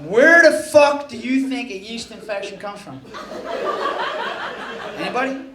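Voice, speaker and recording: A man's voice: very high voice, animated, measured pace, crowd noise. A middle-aged man doing a stand-up routine, telling a story in a profane, exasperated way. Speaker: stand-up comedian. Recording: echoey, noisy room recording.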